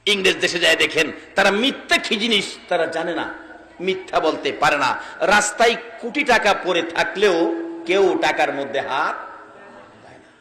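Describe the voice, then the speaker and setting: A male preacher, giving an impassioned sermon that swings between shouting and hushed asides. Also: high voice, lively intonation, normal speed, slight background noise. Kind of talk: sermon with sung, shouted passages. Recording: echoey hall with long reverb.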